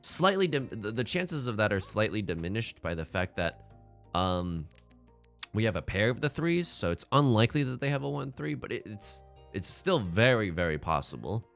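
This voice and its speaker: A man's voice: lowish voice, very animated, moderate pace, creaky, soft background music. A man commentating on his own game live, thinking aloud casually with joking, mock-dramatic asides. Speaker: gaming streamer.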